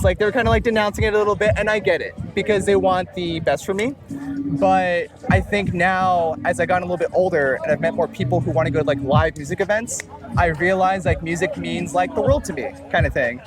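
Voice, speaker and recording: A young man, a music producer whose first language is Tagalog, speaks in a fairly high voice at a fairly quick pace. He's being interviewed outdoors at the beach, talking casually and rambling with lots of fillers. Traffic can be heard nearby, and music plays beneath his voice.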